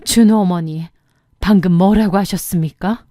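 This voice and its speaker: A woman voicing a composed middle-aged mother who speaks in a cold, firm, measured way. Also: a little high, dry recording, studio quality, natural voice. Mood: cold, threatening.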